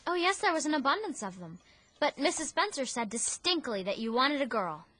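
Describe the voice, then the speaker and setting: A woman's voice: high-pitched, big pitch swings, brisk, bright, forceful tone, exaggerated voice. A woman playing Anne Shirley, an effusive orphan girl. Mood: earnest. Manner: breathless, effusive, theatrical. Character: talkative imaginative orphan girl, dramatic, romantic. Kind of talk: audio drama acting.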